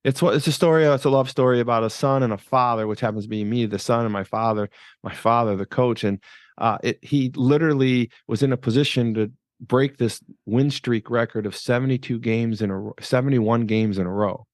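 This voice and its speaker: A man's voice: medium pitch, fairly even intonation, brisk, dry recording. A man in his sixties from Michigan, a coach and author telling a story as a guest on an interview podcast, with an emphatic, dramatic delivery that repeats phrases. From Michigan, USA. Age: 60s.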